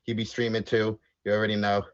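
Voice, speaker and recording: A man's voice: on the low side, monotone, fast talker, clean tone, no room sound. A man co-hosting a stream, chatting casually in slangy hype talk. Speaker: stream co-host. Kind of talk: casual chat. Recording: muffled lo-fi audio.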